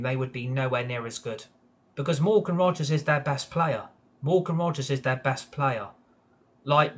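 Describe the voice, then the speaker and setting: A football fan channel host runs a live match reaction stream, ranting heatedly, swearing often, repeatedly agreeing and answering his live chat. His voice is medium-pitched and a bit bright.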